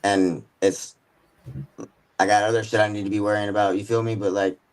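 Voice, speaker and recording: A man's voice: lowish voice, little pitch movement, fairly quick, smooth, poor audio. A man in his mid-twenties talking about his music as a guest, rambling and slangy with lots of filler words. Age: 20s. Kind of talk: casual chat.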